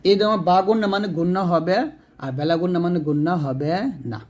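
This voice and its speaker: High-voiced man teaching recitation rules. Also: brisk. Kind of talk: online tajweed lesson.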